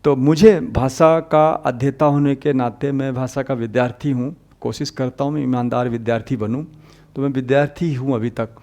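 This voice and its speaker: This Hindi grammar teacher preps students for exams, patiently explaining and voicing sounds again and again. His tone is dark and steady at a normal speed, rising on key points and dropping low at phrase endings.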